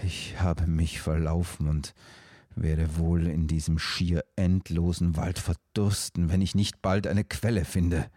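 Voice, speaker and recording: A man's voice: low voice, level tone, takes it slowly, mellow, dry recording, clean studio sound. A man voicing a lost, tired and thirsty emperor in a storybook, pleading wearily. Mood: weary. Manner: weary and pleading.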